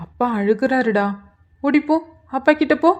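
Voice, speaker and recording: A woman voicing a gentle young aunt coaxing a small child in a cartoon drama. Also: sits high, normal speed, close to an everyday voice. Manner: soft, coaxing, speaking to a child. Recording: dull lo-fi sound.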